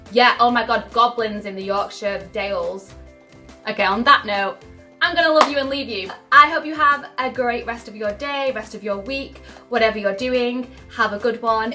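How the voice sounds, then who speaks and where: A bubbly young woman, chatting to her viewers in a casual vlog. Her voice is bright and fairly high, with faint music playing softly beneath it. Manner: bubbly and gushing, many "like" fillers. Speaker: vlogger. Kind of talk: casual chat to camera.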